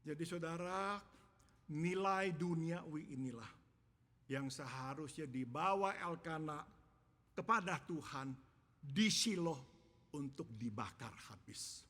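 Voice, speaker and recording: A male pastor delivering a sermon in measured, emphatic phrases, repeating each point in English after saying it. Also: on the high side, pushed and bright. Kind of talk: bilingual sermon with self-interpretation. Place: church. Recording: long church reverb.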